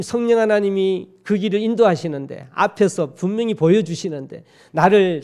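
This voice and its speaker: A man's voice: high-pitched, mellow. A man from Korea's Gyeongsang region preaching a sermon in a church, folksy and joking, often asking his congregation questions. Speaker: pastor. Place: church sanctuary.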